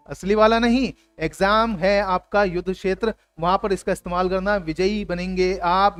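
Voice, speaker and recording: A man with a high, bright voice teaches grammar in an emphatic, animated way, often acting out example phrases. The sound is dry and close, with faint music underneath. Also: no room sound. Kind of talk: classroom lesson for a video channel.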